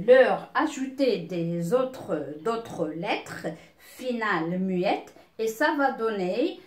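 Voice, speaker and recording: A middle-aged woman teaching a beginners' phonics lesson, spelling out letters and sounds patiently with frequent hesitations. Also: mid-range voice. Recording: echoey room.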